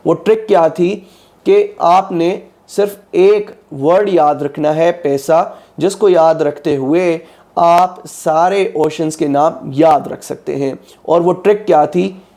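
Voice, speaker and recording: Speaking slowly in a dark, fairly high voice, a Pakistani man with a mildly sore throat gives an exam preparation lecture. He works through it methodically as a tutor, checking on his students often and saying "ठीक है" repeatedly.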